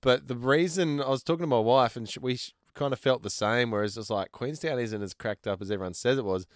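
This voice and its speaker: A man's voice: mid-range voice, quick pace, no echo, clean studio sound. An Australian man chatting casually as a podcast co-host. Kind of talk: casual banter.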